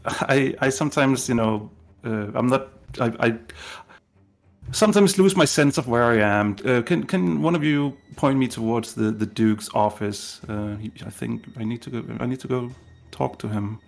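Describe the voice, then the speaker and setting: A man's voice: mid-range voice, normal speed, vocal fry, close to an everyday voice. A man playing a shape-shifted woman posing as a noble lady, coaxing and full of hesitant restarts.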